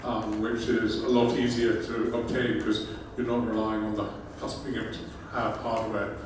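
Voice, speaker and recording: A man's voice: on the low side, completely flat delivery, normal speed, background noise. A man moderating questions at a technical conference, speaking casually. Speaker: session moderator. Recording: echoey hall audio from far off.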